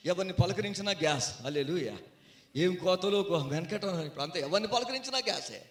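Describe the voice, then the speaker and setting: A man preaching a sermon in a storytelling way, swinging from hushed tones to loud outbursts. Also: sits high, expressive, brisk, reverberant. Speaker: guest preacher.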